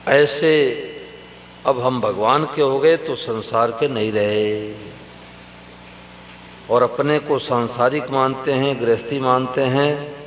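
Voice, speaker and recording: Male preacher, mid pitch, unhurried storytelling sermon to a crowd, roomy hall reverb with faint hum. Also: fairly even intonation. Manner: slow, storytelling, addresses the audience directly. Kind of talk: devotional sermon.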